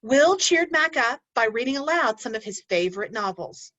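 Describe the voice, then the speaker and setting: In a dull, lo-fi recording, a woman teacher with a voice on the high side reads a picture book to children at normal speed. She's an animated storyteller who keeps pausing to put questions to the kids.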